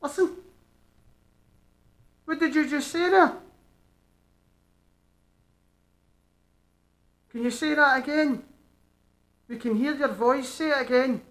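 Excitable high-voiced man calling out. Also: normal speed. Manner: excitable, coaxing calls into the dark. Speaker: paranormal investigator. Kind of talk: ghost-hunt calling out. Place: dark abandoned hospital.

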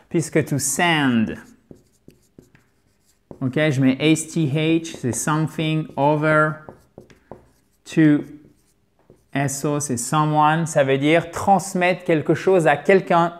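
A man teaching English pronunciation at a board. He talks lively, calls his viewers dear friends, and slowly repeats English words to model each sound. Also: on the high side. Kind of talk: explaining a lesson at a board.

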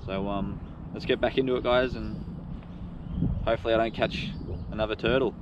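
A young man, a fishing vlogger, talking casually to an action camera from his kayak on a lake, chatty and quick to exclaim. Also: fairly low pitch, fairly even intonation, highs cut off. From Australia. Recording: wind and water noise outdoors.

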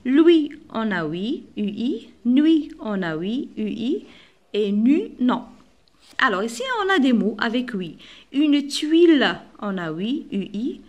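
A woman's voice: a little high, sing-song, takes it slowly, muffled recording. A woman teaching a primary school lesson, patiently spelling out letters and repeating words. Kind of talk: recorded classroom lesson.

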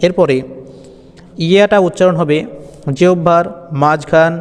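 Male Quran teacher, patient, chants letter sounds; smooth, slightly high voice in a reverberant hall. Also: fairly even intonation, measured pace. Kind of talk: online pronunciation lesson.

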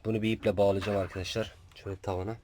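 Brief: man farm vlogger, lowish voice, chatty, coaxes and scolds his birds, poultry clucking behind. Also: little pitch movement, rapid-fire, a little mellow. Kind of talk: casual farm vlog narration. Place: outdoors at a small backyard farm. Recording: outdoor farm with audible poultry noise. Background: chickens and roosters clucking.

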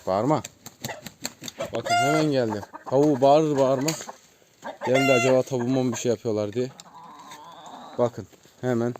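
A man's voice: mid-range voice, steady tone, moderate pace, long pauses. A man casually showing viewers around his outdoor chicken coops, chatting to them as friends and calling out to his birds. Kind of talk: casual vlog narration. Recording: noisy outdoor audio with chickens clucking and roosters crowing. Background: hens clucking and roosters crowing.

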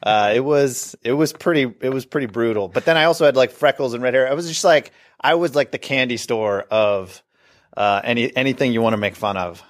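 A man's voice: mid-range voice, a little fast. A middle-aged man from Northern California, an actor guest chatting casually in an interview, rambling and self-deprecating with restarts.

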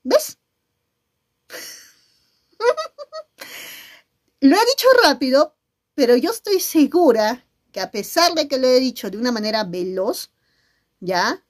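A woman's voice: a little high, normal speed, darkish tone. A middle-aged woman teacher giving a video lesson, talking expressively and often checking in with her listeners. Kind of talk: video lesson on nonverbal communication.

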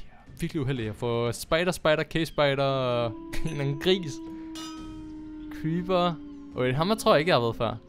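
A young man chatting casually as he plays a game on his channel, excitable and quick to laugh. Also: medium pitch. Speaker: gaming YouTuber. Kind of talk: casual Minecraft commentary.

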